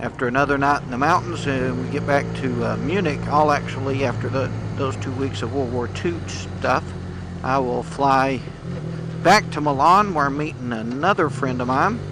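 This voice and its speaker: A man's voice: mid-range voice, normal speed. A middle-aged American man chatting casually to himself as a motovlogger, speaking from inside a helmet while riding. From United States. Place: outdoors on a moving motorcycle, inside a helmet. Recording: loud road and engine noise, helmet mic.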